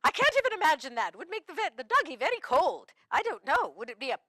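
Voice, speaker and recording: A woman's voice: high voice, very animated, fast talker, fairly bright tone. A woman playing a cheerful, kindly Mrs Claus in a children's show, with a sing-song, laughing voice. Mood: cheery. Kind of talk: children's show role-play.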